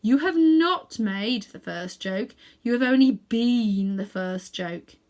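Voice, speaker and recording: A woman's voice: a little high, animated, a little mellow. Woman voicing a majestic lion, solemn and commanding. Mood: gently amused. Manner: solemn, commanding, measured delivery. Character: strong, happy, majestic male lion ruler.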